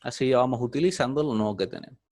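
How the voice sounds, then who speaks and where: A man's voice: medium pitch, very fast, darkish tone, no echo, studio quality. Man teaching a programming class. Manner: explains step by step, often checks in with "¿bien?".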